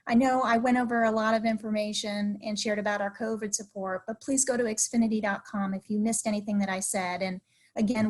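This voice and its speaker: A woman's voice: a little high, a little mellow, low-quality recording. Upbeat woman presenting an award. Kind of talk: prepared ceremony remarks.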